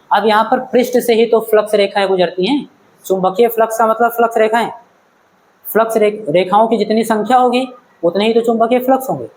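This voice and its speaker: A high-pitched man gives a physics lecture in classroom style, captured on a rough recording. Calling his students "beta," he asks them questions and checks that they're keeping up.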